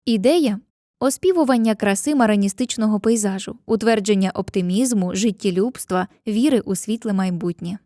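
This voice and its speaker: Mellow-voiced woman narrating a literature lesson. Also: mid-range voice, dry recording, studio quality. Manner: clear, measured delivery, reading poetry slowly. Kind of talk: scripted educational narration.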